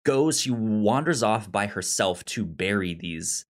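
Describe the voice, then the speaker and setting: A man co-hosting a podcast chats casually about a film in a lowish, animated voice. He halts often and stammers on repeated syllables.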